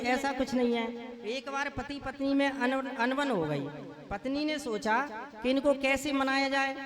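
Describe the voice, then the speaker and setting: A man with a strikingly high voice leads a devotional storytelling sermon. He teaches through homely, folksy anecdotes. The live gathering around him can be heard as crowd noise. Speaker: katha storyteller.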